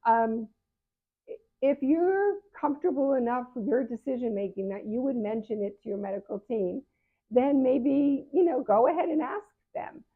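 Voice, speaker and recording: A woman in her seventies speaks to camera as a patient advocate, offering frank, conversational advice and frequently fixing her words mid-sentence. Her husky voice sits high and runs at a normal speed. The recording sounds narrow, like a phone line.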